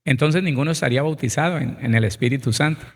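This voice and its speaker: A man's voice: mid-range voice, quick pace. A man, a pastor preaching a Bible seminar who speaks emphatically and addresses his listeners directly.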